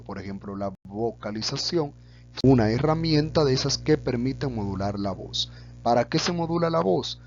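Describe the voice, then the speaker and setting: A man teaching a public speaking lesson, speaking slowly and stretching out example words. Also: medium pitch, lo-fi sound, a little hiss or hum. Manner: slow and deliberate, stretches out sample words. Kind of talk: slow deliberate lesson on vocal technique.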